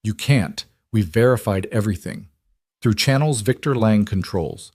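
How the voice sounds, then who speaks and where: A man's voice: lowish voice, moderate pace, a little mellow, dry recording, studio quality, natural voice. A man reading the lines of a stern female federal agent in a clipped, curt way, with a slightly raised voice.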